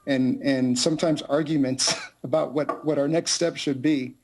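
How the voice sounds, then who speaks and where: A man's voice: medium pitch, fairly even intonation, moderate pace, a little mellow. A man in his forties speaking earnestly in a news interview, with small restarts. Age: 40s.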